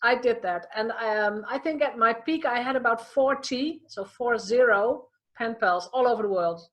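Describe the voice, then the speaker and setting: A woman from the Netherlands with a Dutch accent, a coach chatting as an interview guest, telling stories with lively restarts. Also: fairly high pitch, moderate pace. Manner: lively storytelling with frequent restarts. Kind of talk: casual interview chat.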